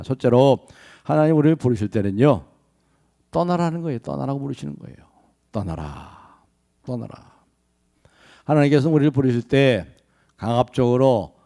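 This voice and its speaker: A male pastor delivers a sermon at a church prayer meeting. He retells scripture dramatically and keeps asking rhetorical questions. His voice is warm and mellow, with a smooth, resonant ring. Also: mid-range voice.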